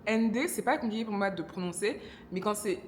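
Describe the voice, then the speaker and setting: A woman's voice: medium pitch, fairly quick. Young Congolese woman, casual vlogger, chatty and self-correcting, light background hiss. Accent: Congolese French. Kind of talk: casual vlog narration.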